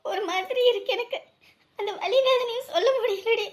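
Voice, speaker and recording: A woman plays a lovesick young woman, plaintive and tearful. Her voice is very high. The room gives it a roomy echo. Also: normal speed. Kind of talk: web series acting.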